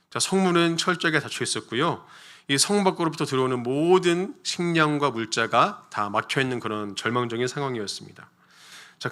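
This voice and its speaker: Bright-voiced Korean pastor preaching. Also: male voice, medium pitch. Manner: frequent fillers "자" and "예", storytelling with rhetorical questions. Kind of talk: sermon. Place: church sanctuary.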